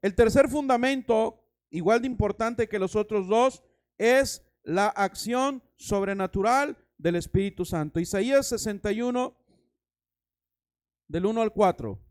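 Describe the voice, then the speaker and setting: A man's voice: high-pitched, a little slow. A man preaching a sermon as pastor, dramatic, acting out voices and stories.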